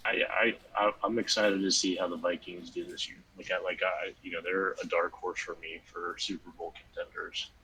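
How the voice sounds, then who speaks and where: A man co-hosting a casual sports podcast, rambling with lots of fillers and sudden animated bursts. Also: low-pitched, normal speed, hardly any pauses, husky, rough recording. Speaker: podcast co-host.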